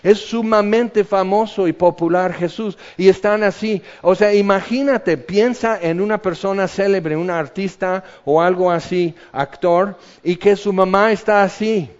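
A man's voice: sits high, unhurried, hardly any pauses, darkish tone. A man preaching a sermon, joking and acting out little scenes in different voices. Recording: dull lo-fi sound.

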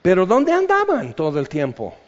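A man's voice: high voice, huge pitch swings, normal speed. A man preaching a sermon, joking and acting out little scenes in different voices. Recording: dull lo-fi sound.

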